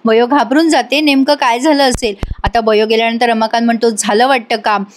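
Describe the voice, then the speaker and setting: A woman's voice: fairly high pitch, steady tone, fairly quick, a little hiss or hum. A woman casually retelling a TV serial episode as narrator, chatty and speaking straight to her viewers. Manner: chatty, addresses viewers directly.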